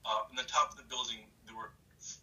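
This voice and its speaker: A man from the New recounting a disaster in an emotional first-person account, halting and repeating words as he goes. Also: medium pitch, fairly even intonation, bright, forceful tone, recorded from a distance, rough recording. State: slightly hyperventilating. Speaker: interviewee recalling a disaster.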